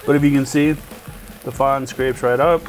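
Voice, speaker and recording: Casual home-cook host, forties, rambling and chatty, sizzling pan and clear music under the voice. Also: male voice, mid-range voice, fairly even intonation, moderate pace. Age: 40s. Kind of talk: casual cooking chat.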